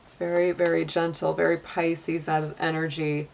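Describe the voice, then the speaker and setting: A woman's voice: deep voice, flat delivery, moderate pace, creaky, slight background noise. A middle-aged woman giving a casual tarot reading, chatty, with frequent laughs and many "you know" and "like" fillers. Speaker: tarot reader.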